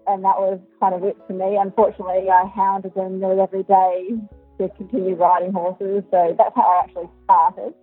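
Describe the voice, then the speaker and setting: A woman answering interview questions in a measured, thoughtful way, heard over poor, phone-like audio. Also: mid-range voice, little pitch movement, breathy edge, soft background music. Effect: poor quality, phone-like audio. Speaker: interview guest, dressage coach and physiotherapist. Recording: muffled tinny dry phone line.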